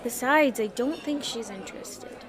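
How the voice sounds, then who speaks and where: A woman's voice: on the high side, moderate pace, close to an everyday voice. An actress playing a nervous, giggly young woman who is hiding a secret. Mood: flustered. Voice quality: giggly, flustered. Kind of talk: audio drama acting.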